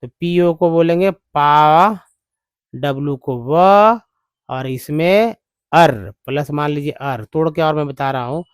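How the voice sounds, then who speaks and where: A man tutoring beginners in a very slow, patient cadence, sounding each word out letter by letter and repeating it. His voice is smooth and clean, recorded dry and close with no room sound. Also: a little high, dry recording. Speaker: English teacher. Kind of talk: slow spelling-out lesson.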